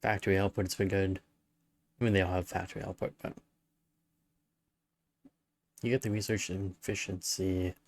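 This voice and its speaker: Low-voiced man streaming a strategy game. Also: flat delivery, normal speed, pauses often, a little hiss or hum. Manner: musing, thinking aloud with murmured hmms. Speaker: gaming streamer. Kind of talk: casual live-stream commentary while playing a strategy game.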